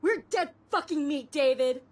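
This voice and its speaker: A woman's voice: high-pitched, lively intonation, normal speed, a little hiss or hum. A woman playing a bitter, grieving mother who accuses fellow survivors in a dramatic video game. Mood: furious.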